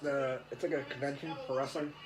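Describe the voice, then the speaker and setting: A man co-hosting a casual wrestling reaction chat, excitable and rambling. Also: a little fast, music in the background, low-quality recording. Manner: excitable, rambling, jumps pitch when surprised.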